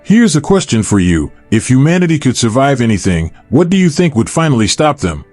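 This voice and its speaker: A male narrator reading a sci-fi story in scripted style, wry and sardonic, at a mid pitch. His voice is close and dry, with faint music underneath. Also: very animated, brisk, a little mellow, no echo. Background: faint background music.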